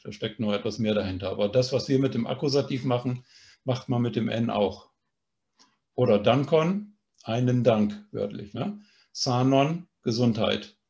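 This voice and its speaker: A man's voice: medium pitch, gravelly, dark tone, muffled recording. A man teaching a language course, explaining grammar patiently and often checking in with a questioning "ne?". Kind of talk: online language lesson.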